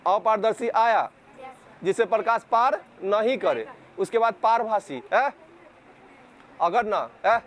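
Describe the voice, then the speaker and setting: A man's voice: high voice, expressive, slow pace, long pauses, slight background noise. A male physics teacher with a Bihari accent, lecturing a class and firing repeated questions at the students, sometimes scolding them.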